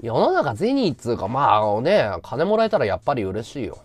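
A man's voice: mid-range voice, huge pitch swings, a little fast, soft background music. A man hosting a casual livestream chat, talking freely and thanking viewers for gifts. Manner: chatty, reacts to viewer gifts. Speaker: livestream host.

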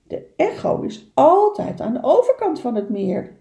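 A woman playing a wise old beaver who explains things calmly and kindly, unhurried. The voice is slow and lilting, with a gravelly edge, in an echoey room. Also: sits high, soft background music, pitched above the performer's own voice, full character voice. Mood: gentle. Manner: calm, gently explaining.

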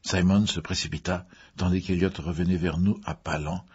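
A man narrating a mystery story in a measured way, with the odd filler. His voice is low and husky. The recording is dull and muffled. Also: steady tone. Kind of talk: audiobook reading.

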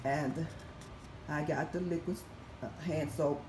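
A woman in her 50s who vlogs about couponing, recovering from surgery, speaks in a raspy, low-pitched, steady voice. She slowly goes through her haul in a casual walkthrough and reads prices off receipts methodically. Her phone camera is held above the items indoors at home, in an echoey room with faint background noise.

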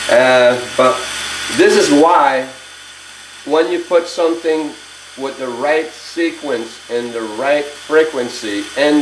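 A man's voice: medium pitch, distant mic, background noise. Sick man talking bluntly in a roomy space. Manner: blunt and emphatic, repeats himself. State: sick with a virus. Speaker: inventor demonstrating his motors. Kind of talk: casual workshop video talk. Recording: roomy sound from off-mic.

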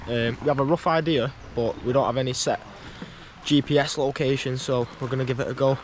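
A man's voice: mid-range voice, steady tone, brisk, a little hiss or hum. A man with a Northern English accent, chatting casually as he hosts an outdoor hiking vlog. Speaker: vlog host. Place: outdoors on hills and woodland trails.

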